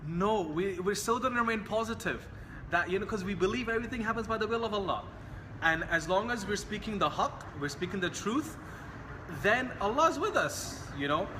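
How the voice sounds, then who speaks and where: Young hong kong guy, high bright voice, earnest and repeats himself a lot, kinda echoey. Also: animated, a little fast, background noise. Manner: earnest, repetitive, sprinkled with religious phrases. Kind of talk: casual talk to camera.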